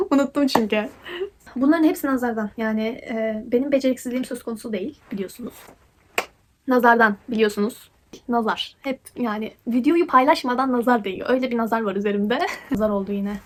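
A woman's voice: high-pitched, a little hiss or hum. A young woman presenting scripted video bloopers, breaking character as she stumbles over her script and slips into laughing, self-mocking asides. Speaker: YouTube presenter.

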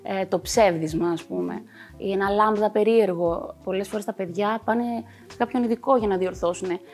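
A woman's voice: medium pitch, darkish tone. A woman working as a voice coach, explaining her work in a TV talk show interview with many fillers.

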